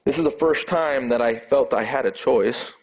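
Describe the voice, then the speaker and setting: Earnest man sharing a faith testimony. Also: mid-range voice. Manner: earnest and emotional, halting with repeated words. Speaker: person giving a testimony.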